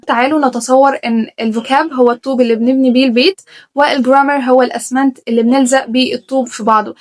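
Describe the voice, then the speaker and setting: Rapid-fire Egyptian woman vlogger. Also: high voice. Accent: Egyptian Arabic. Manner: blunt, emphatic, fires rhetorical questions. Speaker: language-learning YouTuber. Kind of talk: opinionated vlog talk to camera.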